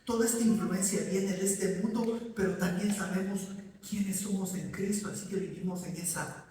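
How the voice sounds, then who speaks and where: In a church sanctuary, a man from Ecuador preaches a sermon, addressing listeners directly and answering his own questions. His voice is high and warm, with fairly even intonation and normal speed. The echoey hall makes him sound far off, with a little hiss or hum.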